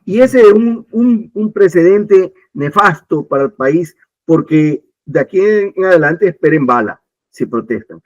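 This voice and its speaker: An Ecuadorian political commentator speaks in a high-sitting voice with lively intonation at an unhurried pace, pressing his political views in a talk-show discussion and often restarting and repeating his points. The recording is dry and lo-fi.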